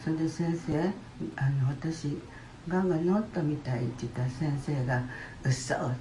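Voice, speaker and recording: An older woman, giving a halting personal testimony in church with many pauses. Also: sits low, warm tone, a little hiss or hum. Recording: roomy church hall.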